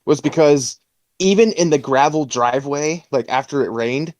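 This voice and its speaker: A man's voice: fairly high pitch, moderate pace, darkish tone, no room sound. Laid-back man chatting on a stream. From Indiana. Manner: laid-back, brief replies. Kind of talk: casual chat.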